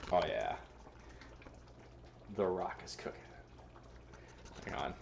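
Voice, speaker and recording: Cooking in his home kitchen, a streamer chats loosely with his livestream chat, swearing now and then and counting numbers aloud. His low, gravelly voice is very animated but slow-paced. He films indoors on a handheld phone camera, with background noise.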